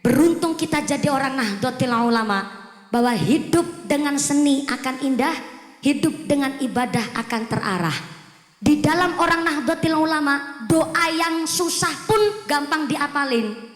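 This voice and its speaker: A woman preacher, giving a lively, joking sermon at a mosque gathering. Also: sits high, unhurried. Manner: lively, joking preaching mixing in local dialect. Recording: echoey hall with long reverb.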